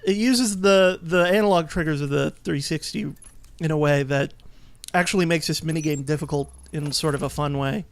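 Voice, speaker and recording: A man with a slightly high voice, speaking at normal speed, hosts a let's play, offering easygoing, casual commentary as he plays a video game and explains it.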